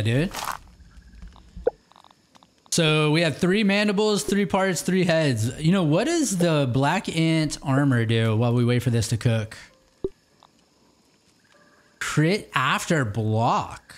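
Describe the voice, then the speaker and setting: A young man casually commenting on his own gameplay, thinking aloud and calling out "dude" as he plays. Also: medium pitch. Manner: excitable, says dude a lot, thinks aloud. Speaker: let's play gamer.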